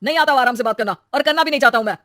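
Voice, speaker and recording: A woman's voice: mid-range voice, dry recording, clean studio sound, natural voice. Woman doing a hot-tempered young husband. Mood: angry. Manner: quick to argue, loud. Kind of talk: cartoon story voice acting.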